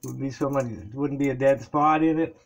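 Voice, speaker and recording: Speaking at a normal speed in a creaky, medium-pitched voice with little pitch movement, this older home cook vlogger rambles chattily while cooking in his small kitchen. A camera resting on the counter records his casual cooking talk.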